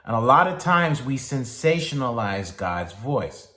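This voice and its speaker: A man giving a motivational sermon in a slow, deliberate way with long pauses. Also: medium pitch, very animated, bright, forceful tone. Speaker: speaker. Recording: echoey room.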